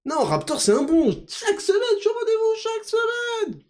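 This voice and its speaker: A man putting on the voice of a lazy male listener who never leaves ratings, mocking and shouting theatrically. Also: very high voice, sing-song, a little fast, voice pushed up. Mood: mock indignant.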